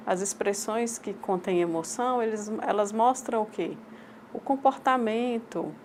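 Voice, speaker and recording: Woman, Brazilian accent, voiced lecture interpretation, halting short phrases, mid pitch, faint background noise. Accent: Brazilian Portuguese. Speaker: voice interpreter for a sign language lecturer.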